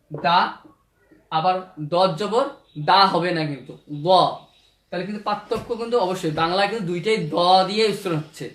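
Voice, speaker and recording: A man teaching how to pronounce Arabic letters, slowly repeating each sound and vowel mark. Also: sits high, a bit bright. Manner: slow, repetitive drilling of letters and vowel marks. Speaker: Quran reading teacher. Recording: echoey room.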